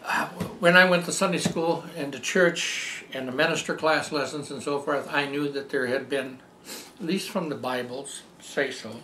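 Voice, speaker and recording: A man's voice: mid-range voice, sharp tone, echoey room, a little hiss or hum. Older man rambling through a heartfelt story. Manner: rambling, heartfelt, many fillers and restarts. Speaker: storyteller recounting personal experiences. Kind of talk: casual spoken testimony.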